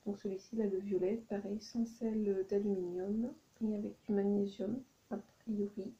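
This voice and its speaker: Lady rambling through her haul at home, lots of euh, gravelly low-key voice, kinda muffled. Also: level tone, moderate pace, mellow. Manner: hesitant, many ums, thinking aloud. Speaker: YouTuber doing a shopping haul. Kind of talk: casual haul vlog. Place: at home at night.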